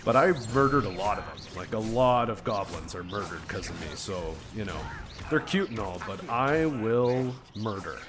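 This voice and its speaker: A man's voice: fairly low pitch, animated, normal speed. Joking, foul-mouthed male gamer. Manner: profane, joking, laughs at himself. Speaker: gaming channel host. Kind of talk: casual let's-play commentary.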